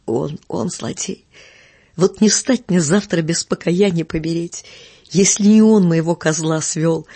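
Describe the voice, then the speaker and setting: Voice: medium pitch, unhurried, warm tone, husky, no room sound. A reader voicing an old woman teacher who shrieks curses and accusations at a neighbor. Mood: fearful, vengeful. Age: older. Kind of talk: audiobook character reading.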